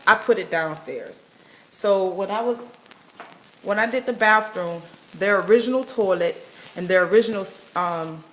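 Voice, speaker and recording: A woman's voice: fairly low pitch, a bit bright. A woman giving a casual walkthrough of her salon and its basement, chatty and exasperated, with wry laughs, filming on a handheld camera. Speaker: salon owner showing her space. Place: building basement and salon, indoors.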